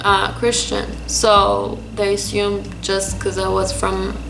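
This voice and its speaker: Slow, gravelly-voiced young woman storyteller. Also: mid-range voice, monotone, poor audio. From Lebanon. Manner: earnest, thoughtful, with hesitant fillers. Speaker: vlogger. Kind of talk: personal storytelling. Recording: music playing behind.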